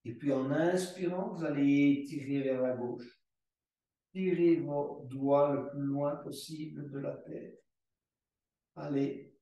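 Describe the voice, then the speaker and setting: A man teaching a yoga class, calling out poses and breath cues in slow, drawn-out repetitions. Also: a little high, warm tone. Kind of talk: guided yoga class instruction. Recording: very echoey room, voice from far off the mic.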